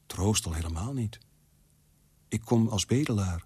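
A weary ageless angel, calm and faintly disappointed, speaking in a low, husky voice, as a man reads him in a literary reading. The sound is close and dry. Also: measured pace, no room sound, full character voice.

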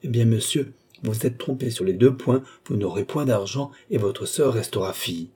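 A man voicing a haughty, weary older count who answers with calm, disdainful impatience. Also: mid-range voice, moderate pace, husky, lightly acted.

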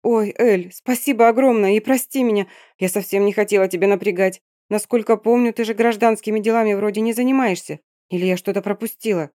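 A woman's voice: medium pitch, warm tone, dry recording, clean studio sound, pitched above the performer's own voice, close to an everyday voice. Darya, a woman voicing a flustered eager young woman. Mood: gushing. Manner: quick, pleading, rushed.

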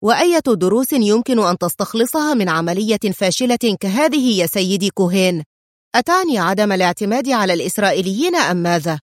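A woman's voice: medium pitch, animated, normal speed, a little mellow, dry recording, clean studio sound, close to an everyday voice. A woman reading the lines of a stern, sarcastic army general in an audiobook story, speaking clipped and severe. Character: stern proud army general, mocking then guarded.

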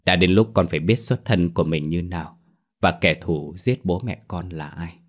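A man voicing a gentle, sorrowful older foster mother in a spoken storybook. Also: low voice, normal speed. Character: older woman, grieving devoted foster mother.

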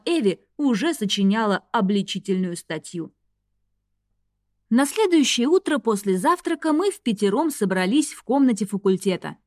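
A woman reading a first-person fantasy audiobook in a wry, even storytelling manner. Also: mid-range voice, no room sound, studio quality. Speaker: audiobook narrator.

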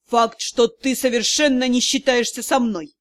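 Woman voicing a hoarse, furious dark-lord magister. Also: on the low side, normal speed, no room sound, pitched below the performer's own voice, natural voice. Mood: icy, furious. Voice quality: hoarse, growling. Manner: threatening, icy, commanding. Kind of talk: audiobook character voice.

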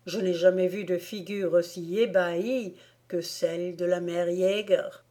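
Calm, slow woman reading a storybook. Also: lowish voice. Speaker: audiobook reader. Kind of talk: storybook narration.

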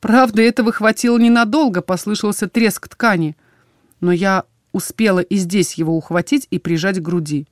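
A woman tells a first-person fantasy story with lively, dramatic storytelling. Her voice sits at a middle pitch. The recording is close and dry, with no room sound. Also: moderate pace, dry recording. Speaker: audiobook narrator.

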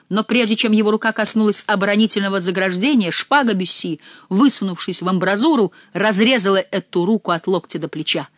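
A woman narrating an adventure audiobook with steady storytelling delivery. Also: medium pitch, no room sound. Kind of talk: scripted narration.

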